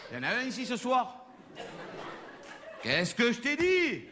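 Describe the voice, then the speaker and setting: A man's voice: very high voice, huge pitch swings, a little slow, sharp tone, a faint crowd, slight background noise. A man doing stand-up, chatty and mock-serious on a live stage. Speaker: stand-up comedian. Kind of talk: stand-up comedy. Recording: live hall reverb, faint audience.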